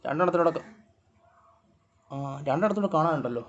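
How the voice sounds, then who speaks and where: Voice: mid-range voice, animated, fast talker, slight background noise. A vlogger chatting to their cats in a coaxing, teasing voice, recorded with dull lo-fi sound. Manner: coaxing, teasing sing-song talk to animals. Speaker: pet vlogger. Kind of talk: casual talk to pet cats.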